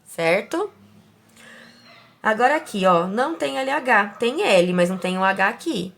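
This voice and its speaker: Woman, primary school teacher, very slow pace, syllable-by-syllable sounding out, questions to pupils. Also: medium pitch, animated, gravelly, a bit bright. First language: Portuguese. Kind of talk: slow, careful classroom instruction.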